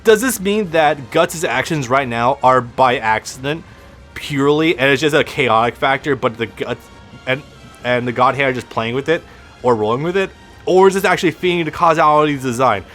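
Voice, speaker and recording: A man with a lisp hosts a let's play, rambling through casual gameplay commentary in a mid-range, fairly bright voice. He swears freely and keeps restarting his sentences.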